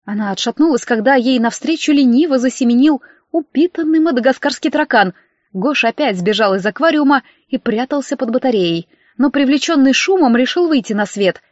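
Female narrator, first-person audiobook, fairly high voice, muffled lo-fi recording. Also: animated, a little fast, no room sound. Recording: dry, dull lo-fi audio.

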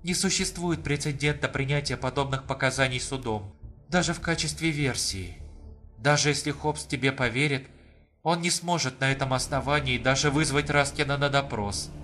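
A male audiobook reader with a medium-pitched, sharp voice, at a moderate pace and lightly acted, plays a distressed, determined adult woman. She pleads urgently and insistently, her alarm rising. Soft music plays in the background.

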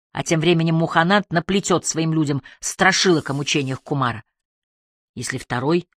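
A woman narrator voices a practical, tactful female police sergeant. She speaks low and hushed, quick with reasoning. The sound is dry and close. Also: no echo. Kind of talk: hushed urgent speech.

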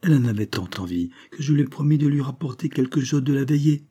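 A man's voice: mid-range voice, lively intonation, fast, mellow, husky, voice pushed up. A man voicing Marianne, a devoted twelve-year-old farm girl, in an audiobook reading. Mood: tender.

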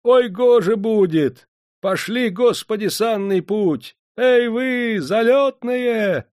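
Brief: boisterous coachman, voiced by a man, loud and high, stretches his shouts. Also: lively intonation, normal speed, no echo, clean studio sound. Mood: hearty, shouting. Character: burly bearded coachman, hearty and loud.

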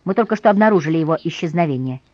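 A woman's voice: low voice, animated, very fast, a little mellow, no echo, highs cut off. A woman voicing a stern man, an army general who grumbles and presses hard. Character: stern, gruff male general.

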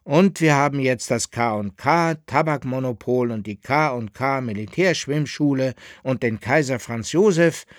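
A man voicing an opinionated student tutor in an audiobook, lecturing in a lively, indignant way. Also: mid-range voice, no room sound, studio quality, lightly acted.

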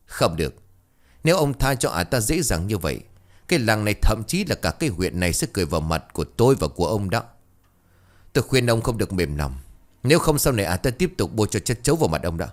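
A man voicing a scheming, sharp-tongued elder wife who lectures her husband in a spoken ghost story. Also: on the low side, big pitch swings, quick pace. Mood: scornful. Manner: scornful, lecturing.

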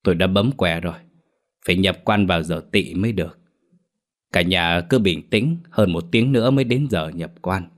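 A man's voice: sits low, normal speed, close to an everyday voice. A man voicing a sly, self-important old male shaman who drawls with hesitant ums. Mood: portentous. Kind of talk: storybook character voice.

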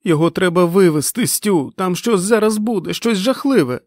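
A frantic young woman, as a male narrator puts her on, shrieks her pleas in a high, strained voice. It is an audiobook reading with a dry, close sound. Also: lively intonation, normal speed, no echo.

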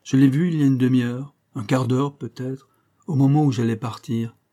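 Un homme qui fait parler un visiteur bavard et à son aise, dans un livre audio. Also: male voice, medium pitch, steady tone, normal speed, warm tone, natural voice. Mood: jovial. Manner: talkative, at ease.

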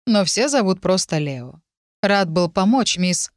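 Woman voicing a calm, firm working man. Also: mid-range voice, measured pace, no room sound, clean studio sound, natural voice. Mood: friendly. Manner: quiet but firm. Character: tall, calm, kind working man from Yorkshire. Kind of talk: audiobook voice acting.

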